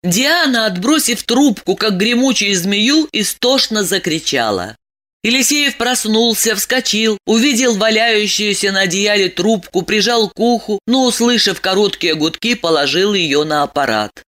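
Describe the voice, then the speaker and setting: A woman narrates an audiobook with a bright, clear-edged voice and a lively, widely moving pitch. Her reading is expressive and storyteller-like, pushing the tension along. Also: a little slow.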